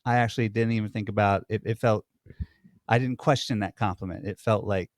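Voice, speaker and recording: A podcast co-host talks hesitantly in casual conversation, second-guessing himself and restarting his sentences. His voice is on the low side, brisk and steady in tone, captured as a dry, clean studio recording.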